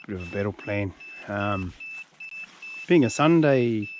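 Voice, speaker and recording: A man's voice: fairly low pitch, animated, unhurried, background noise. A man with a broad New Zealand accent talks as the host of a hunting vlog, in a laid-back, slangy, matey way. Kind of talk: casual outdoor vlog talk and narration. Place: outdoors in a mountain valley.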